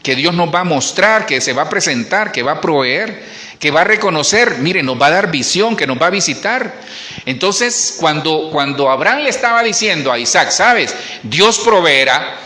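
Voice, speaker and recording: A man's voice: fairly high pitch, bright, forceful tone. A man preaching a sermon as pastor, talking to the congregation in a conversational way with asides and restarts. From Colombia. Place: church.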